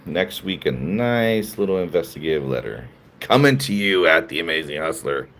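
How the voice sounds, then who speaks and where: Deep-voiced man on a loose live stream. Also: very animated, normal speed, fairly bright tone. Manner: laughs often, loose and joking, answers chat. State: sleepy, yawning. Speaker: livestream host reading chat. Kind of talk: casual live-stream commentary.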